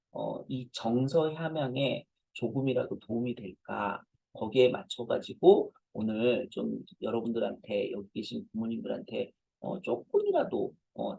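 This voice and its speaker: Man in his forties lecturing parents as a professor, dark and husky, anecdotal and self-deprecating. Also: medium pitch, dry recording, poor audio. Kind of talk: conversational lecture.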